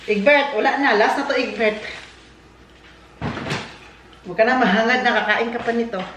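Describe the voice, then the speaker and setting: A woman's voice: fairly high pitch, moderate pace, noisy background. A woman from the Philippines chatting casually to her viewers in a home vlog, often laughing and dropping English words into her talk. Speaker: vlogger. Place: home in Germany, indoors and outdoors.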